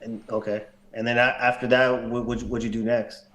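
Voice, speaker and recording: A man co-hosting a live stream interview, asking halting, stumbling questions. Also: mid-range voice, little pitch movement, fairly bright tone. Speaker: co-host. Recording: echoey room.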